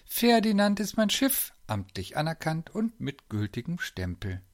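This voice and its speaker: A man voicing a clever, cheerful uncle who speaks calmly and politely with a gently smug manner. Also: on the high side, a little slow, dry recording, studio quality, pitched above the performer's own voice, full character voice. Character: clever, calm older male uncle, cheerful.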